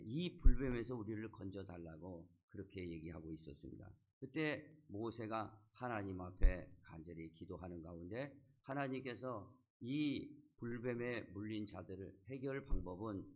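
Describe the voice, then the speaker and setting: A man's voice: lowish voice, a little mellow. A man, senior pastor of a church, preaching a sermon and retelling a scripture story, dotting his sentences with short affirming fillers.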